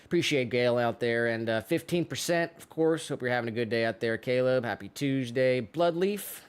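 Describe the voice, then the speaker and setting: A man co-hosting a live stream from a pottery studio, chatting casually and giving chat shout-outs with easygoing fillers. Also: medium pitch, moderate pace, smooth. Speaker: livestream co-host.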